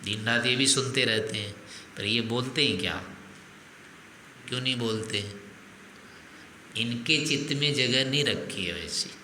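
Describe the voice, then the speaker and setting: A man's voice: mid-range voice, unhurried, long pauses, pushed and bright. An older man giving a spiritual discourse as a teacher, reasoning aloud with rhetorical questions. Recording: echoey hall with faint noise.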